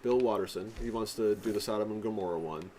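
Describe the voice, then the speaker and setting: A man's voice: fairly low pitch, fast, dark tone, a little hiss or hum. A man giving casual gameplay commentary as host. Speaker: gamer host.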